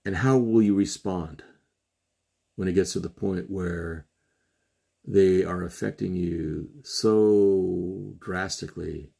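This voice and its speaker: Middle-aged male host, very low gravelly voice, earnest solo commentary with slow emphatic pauses. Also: fairly even intonation, mellow. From Trinidad and Tobago. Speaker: podcast host.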